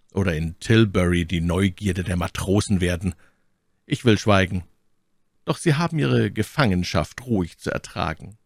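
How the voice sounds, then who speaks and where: Brief: sardonic aristocrat, read by a male narrator, dry close sound, calm menace. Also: deep voice, no room sound. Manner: coolly sarcastic, measured threats. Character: cold, mocking English lord, calm and menacing. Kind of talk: audiobook character reading.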